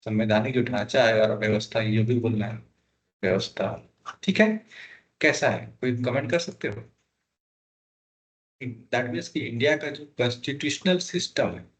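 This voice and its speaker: Man teaching, quizzing students. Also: mid-range voice. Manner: asks students questions, repeats key words. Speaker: exam prep teacher. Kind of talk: classroom lecture, Hindi mixed with English.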